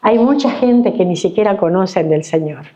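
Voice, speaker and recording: Woman bible teacher, sermon in church, warm mellow voice, a bit dull recording, acts out little voices. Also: medium pitch, normal speed. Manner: animated, acts out complaining voices, asks the audience questions. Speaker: Bible teacher at a women's conference.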